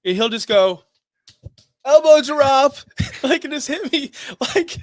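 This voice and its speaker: A man chatting casually on a livestream in a tired, low-key way. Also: sing-song, a little slow, no room sound. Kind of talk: casual chat.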